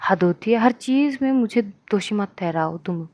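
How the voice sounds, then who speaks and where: A woman's voice: medium pitch, expressive, normal speed, a little mellow, no echo, lightly acted. A woman voicing a middle-aged mother who complains that she gets blamed for everything. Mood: exasperated. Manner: complaining, self-pitying.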